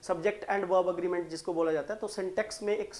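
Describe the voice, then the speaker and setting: A teacher with a Punjabi accent giving an online exam-prep lesson, mixing Hindi and English, explaining slowly and often checking in with "right?". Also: medium pitch, steady tone, darkish tone. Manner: explains slowly and repeats key terms. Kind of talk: online exam-prep lesson going through multiple-choice questions.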